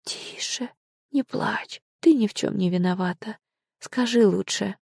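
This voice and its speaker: A woman voicing a gentle, tearful middle-aged mother in an audiobook, speaking in a soft, hushed, comforting way. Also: mid-range voice, unhurried, vocal fry, husky, no echo, clean studio sound. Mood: soothing. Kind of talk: audiobook character voice.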